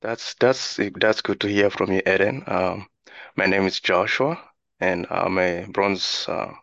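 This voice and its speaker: A man co-hosting a podcast speaks with a very deep, gravelly voice. The sound is dull and muffled in a dry room, and he tends to stumble over the start of his sentences in a friendly way. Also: fairly even intonation, measured pace, a bit bright, no room sound. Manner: friendly, repeats words when starting. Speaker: co-host. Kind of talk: interview hosting.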